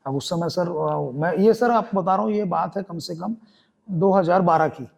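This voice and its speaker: A young man with a Chhattisgarhi Hindi accent tells his story in a podcast interview. His voice sits high, and he keeps acting out the people he quotes. It is an easy, conversational telling. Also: normal speed, creaky, darkish tone. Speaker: guest theatre artist.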